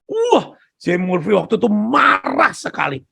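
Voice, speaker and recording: A man preaching a sermon, telling a story in an animated, dramatic way. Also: high voice, measured pace, vocal fry, breathy edge.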